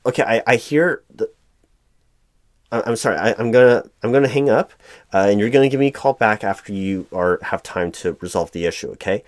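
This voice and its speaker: In this one-sided improvised roleplay, a man plays a corporate hiring manager who is flustered and apologetic, stumbling and repeating words. His fairly low voice is brisk and close to an everyday sound, and he comes across as exasperated, frustrated and hesitant. The studio sound is clean, with no echo.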